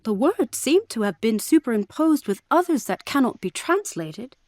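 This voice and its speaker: Game role: female sci-fi crewmate, formal, analytical, high-pitched and very expressive intonation. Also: moderate pace, dry recording, clean studio sound. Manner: precise, formal. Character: brisk, analytical female science-fiction crewmate. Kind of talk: scripted video game dialogue. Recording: game music under dialogue.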